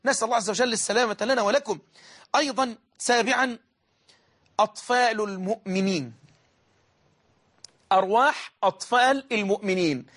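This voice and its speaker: A man's voice: high voice, brisk, pauses often, fairly bright tone. A man with an Egyptian Arabic accent preaching a religious sermon, emphatic and repeating phrases for stress.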